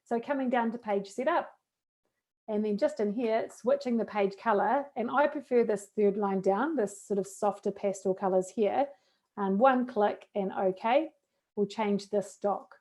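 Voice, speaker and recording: A woman with a New Zealand accent leads a live webinar for teachers, walking through classroom software step by step. Her voice is soft and mellow, her manner chatty and encouraging, with casual fillers along the way. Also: medium pitch, unhurried. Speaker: teacher trainer. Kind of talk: live webinar tech demo.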